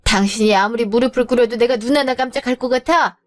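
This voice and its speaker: A proud, formidable middle-aged restaurant owner, voiced by a woman in a narrated story drama. She speaks coldly and scolds with cutting contempt, her voice a touch high. Faint music runs underneath. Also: fast talker, lightly acted. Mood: scornful. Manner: cold, scolding.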